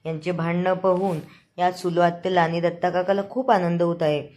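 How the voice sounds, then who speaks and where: A woman's voice: fairly low pitch, fairly even intonation, normal speed, a little mellow, muffled recording. A woman host casually retelling the latest episode of a TV serial in a chatty present-tense way. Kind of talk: casual storytelling recap.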